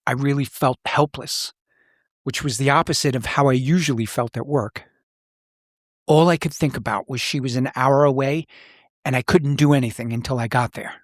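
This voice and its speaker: A middle-aged podcast host with a police background shares reflective personal stories in conversation, keeping things serious and plain-spoken. His medium-pitched voice holds a steady tone at a moderate pace. The clean studio sound carries no room noise.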